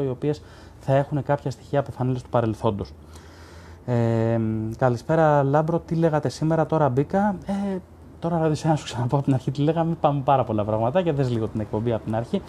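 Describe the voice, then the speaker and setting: Blunt man with a dark voice. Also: on the high side, slight background noise. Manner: blunt, argumentative with commenters, many fillers and restarts. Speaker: sports journalist hosting a live stream. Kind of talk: casual live-chat commentary reading viewer comments.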